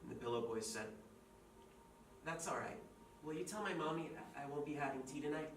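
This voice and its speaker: A man playing a grim, measured teller of dark tales. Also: on the high side, animated, natural voice. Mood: somber storytelling. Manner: measured, dark, deliberate storytelling. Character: grim storyteller telling a dark fairy tale. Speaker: actor playing Katurian. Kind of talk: stage play storytelling. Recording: echoey stage from far off, with music.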